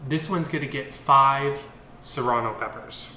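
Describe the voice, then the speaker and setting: A man's voice: medium pitch, a little slow. A man co-hosting a food challenge, chatting casually in a playful, jokey way. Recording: echoey room, faint background noise.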